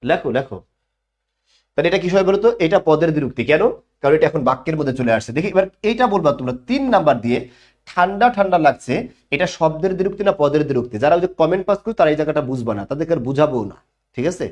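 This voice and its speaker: A man's voice: on the high side, expressive, rapid-fire. A man teaching an online class, explaining grammar and answering his own questions. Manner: explanatory, asks questions and answers them himself.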